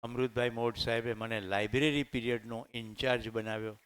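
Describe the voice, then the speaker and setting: A middle-aged man speaks with a clear, resonant voice and a Gujarati accent. He tells anecdotes conversationally to teachers in a training hall, speaking into a microphone. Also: medium pitch, steady tone, brisk, a bit bright. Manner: conversational, anecdotal, addresses audience directly. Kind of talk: storytelling talk to teachers. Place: training hall with live audience.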